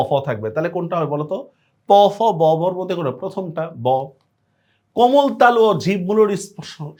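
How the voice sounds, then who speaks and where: A young man teaching an online exam-prep lesson, repeating answers and firing quick check questions at students. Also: high voice, darkish tone. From Bangladesh.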